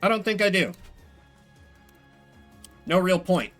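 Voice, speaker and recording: A man streams a strategy game and thinks aloud, talking himself through each decision in live commentary. His voice is high, slow and a little bright, with soft music in the background.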